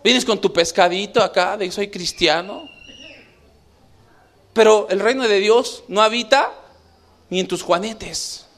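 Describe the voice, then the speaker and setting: High-voiced man preaching a lively sermon. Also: measured pace, pauses often. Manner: animated preaching, acts out scenes with shifting voices. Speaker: pastor.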